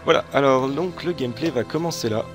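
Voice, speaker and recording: A man's voice: medium pitch, a little fast, over music. A man casually commenting on his game footage, chatty and self-mocking with many fillers. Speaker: gaming video host. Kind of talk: casual let's play commentary. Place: home desk, recorded after the gameplay.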